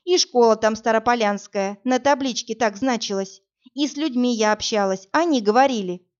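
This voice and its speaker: An agitated young woman, as a female narrator voices her, pressing her point insistently. Her pitch is fairly high, and the recording is dull and lo-fi. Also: moderate pace, natural voice. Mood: indignant. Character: indignant young woman office worker.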